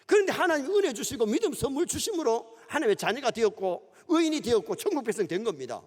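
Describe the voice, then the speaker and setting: A middle-aged pastor with a Gyeongsang Korean accent, preaching a sermon in an animated storytelling manner in a church sanctuary. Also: male voice, very high voice, fast talker. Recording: long church hall reverb.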